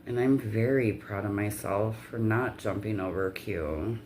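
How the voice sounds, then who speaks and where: A woman's voice: extremely low pitch, unhurried, darkish tone, slight background noise. A woman telling a personal story in a casual vlog rant, with blunt, profanity-heavy delivery.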